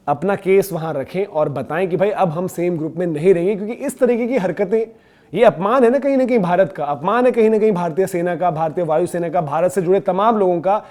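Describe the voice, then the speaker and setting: A man's voice: high voice, darkish tone. A man giving scornful, indignant opinion commentary on cricket, hammering his points with repetition.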